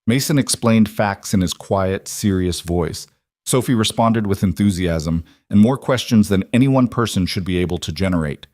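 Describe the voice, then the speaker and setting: Low-voiced male story narrator. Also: normal speed, darkish tone, no room sound, clean studio sound.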